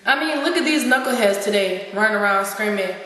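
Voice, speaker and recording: A slang-spouting male philosopher rants with indignant sass, as a woman acts him out in an amateur skit. The voice sits at a middle pitch. It comes from far across a hall with a long, heavy echo. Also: animated, fairly quick, sharp tone. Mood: sassy. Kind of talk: amateur skit role-play.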